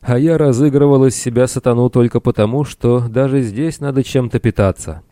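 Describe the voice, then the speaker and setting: A man voicing Ciron, a worn-out, excitable pirate who talks eagerly and exclaims a lot. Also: medium pitch, fairly quick, no room sound, clean studio sound, voice pushed up, close to an everyday voice. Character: weary male pirate, excitable and warm-hearted.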